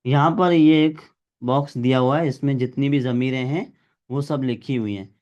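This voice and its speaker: A man's voice: medium pitch, fairly even intonation, normal speed, a little mellow, highs cut off. A male teacher giving a classroom grammar lesson, explaining step by step and quizzing his students.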